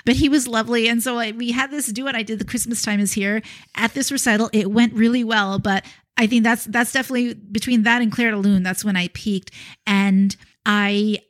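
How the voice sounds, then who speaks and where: A woman in her thirties or forties, hosting a casual podcast interview at home into a studio mic, chatty and quick to laugh. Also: a little high, steady tone. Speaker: podcast host.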